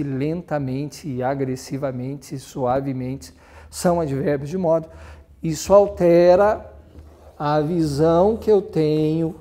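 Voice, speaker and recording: A man's voice: on the high side, dark tone. A man with a Brazilian Portuguese accent teaching a grammar lesson, explaining step by step, giving examples and spelling words out.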